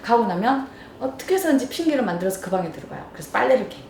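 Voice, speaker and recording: Woman lecturer talking fast, asks the audience stuff, echoey room, mic kinda far. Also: fairly high pitch, lively intonation, darkish tone, a little hiss or hum. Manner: storytelling, asks the audience questions. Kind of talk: lively lecture with acted dialogue. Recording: roomy hall from far off.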